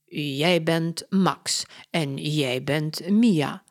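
A woman voicing a polite older male detective who speaks in a slow, measured, courteous way. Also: low voice, full character voice.

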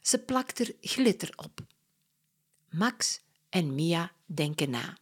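A woman reading a children's story aloud in a clear, expressive way. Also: fairly low pitch, takes it slowly.

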